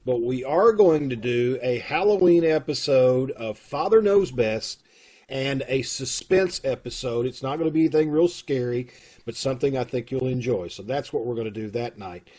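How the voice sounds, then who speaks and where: Leading a theater troupe, a Kentucky-accented man makes casual announcements over a video call, rambling folksily and using plenty of fillers. His medium-pitched voice is expressive and a little mellow, moving at a moderate pace.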